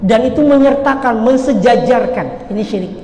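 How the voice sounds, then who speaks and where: A man preaching a casual sermon to a congregation, speaking directly to his listeners and joking with them, swinging between loud emphatic points and quiet asides. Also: extremely high pitch, moderate pace. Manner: chatty, addresses listeners directly and jokes with them. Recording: roomy hall with long reverb.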